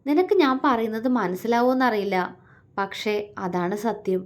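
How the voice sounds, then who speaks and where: A woman voicing a tender, teasing young husband in a love story, speaking softly and affectionately. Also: moderate pace, lightly acted. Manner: soft, affectionate, low-key. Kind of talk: storytelling dialogue.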